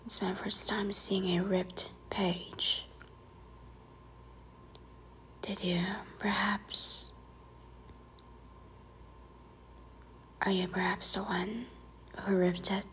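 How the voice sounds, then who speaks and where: A woman in a whispered role-play, playing a strict, teasing librarian who quietly scolds a careless visitor. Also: on the low side, a little hiss or hum. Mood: hushed, probing.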